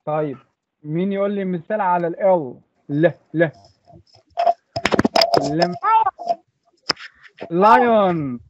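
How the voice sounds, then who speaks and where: Speaking in a high, animated voice, an Egyptian Arabic-accented man runs an online class for kids, patiently saying each English letter sound so they can repeat it. He talks a little slowly with frequent pauses and some creak. His computer mic loses the high frequencies, and there's heavy noise in the background.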